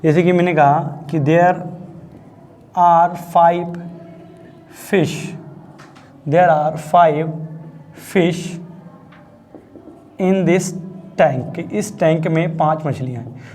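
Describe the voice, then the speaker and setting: Chatty male English grammar teacher, high voice. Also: drawn-out words, pauses often, a little mellow, slight background noise. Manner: chatty, repeatedly asks students if they understood. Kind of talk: classroom lesson, explaining.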